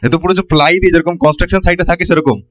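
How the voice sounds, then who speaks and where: A man's voice: high voice, steady tone, rapid-fire. A man doing casual, exclamatory vlog chat full of questions, speaking from inside a motorcycle helmet. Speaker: motovlogger. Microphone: helmet-mounted camera, worn inside a helmet.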